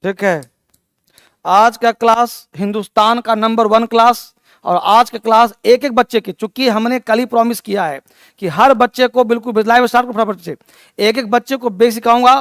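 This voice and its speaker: A man teaching English in a live online class, energetic and emphatic, drilling sounds by repeating them. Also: very high-pitched, moderate pace, no room sound, studio quality.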